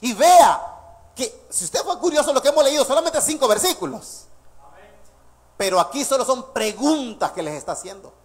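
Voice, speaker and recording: High-voiced male pastor preaching. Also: brisk. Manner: quizzes the congregation with questions; lively preaching, laughs between points. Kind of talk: sermon.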